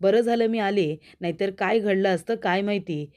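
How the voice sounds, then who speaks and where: A woman reading the lines of a sharp-tongued young wife who scolds her husband with pointed questions, in a story recap. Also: mid-range voice, close to an everyday voice. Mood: reproachful. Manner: reproachful, rapid-fire questions.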